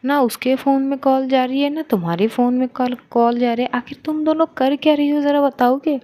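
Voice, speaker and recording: A woman's voice: sits high, fairly quick, mellow, voice pushed up, lightly acted. A woman voicing a playful young woman who teases her sister-in-law with exclamations, in a spoken story. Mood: teasing. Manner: teasing, exclamatory.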